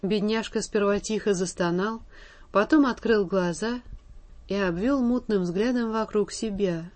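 A woman reads a story aloud as an audiobook narrator. Her delivery is measured and even, at a middling pitch.

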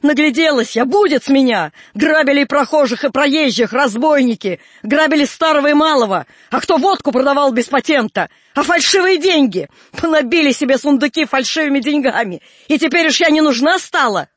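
A man's voice: fast, hardly any pauses, no echo, close to an everyday voice. A man reading a storybook, voicing an enraged young peasant wife who shrieks and rants at her in-laws. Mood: furious shouting. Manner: shrill, loud, ranting.

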